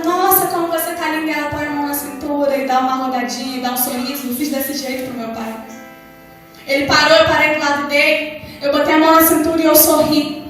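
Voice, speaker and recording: A young Brazilian woman with a Brazilian accent preaches her testimony at a church service, telling her story with passion and quoting her prayers. Her voice is high-pitched and a bit bright, recorded from far off in a very echoey hall.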